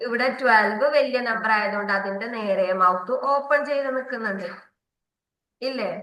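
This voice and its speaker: A woman kindergarten teacher from Kerala leads a young class over a video call, her tone bright and slightly high. She speaks slowly and patiently, coaxing answers and repeating questions. The sound carries a noticeable room echo. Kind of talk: online maths class for young children.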